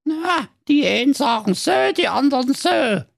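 A man's voice: very high-pitched, lively intonation, normal speed, vocal fry, no echo, studio quality, voice pushed up, exaggerated voice. A man voicing a grumpy, sly, evil male dwarf in a comic fairy tale, with a grumbling manner.

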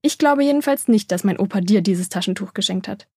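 A woman voicing a bold, bossy yet kind young girl in an audiobook, with a breathy voice. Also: mid-range voice, lively intonation, darkish tone, no room sound, studio quality. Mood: stern. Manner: scolding then friendly, explaining slowly. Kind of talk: audiobook character voice.

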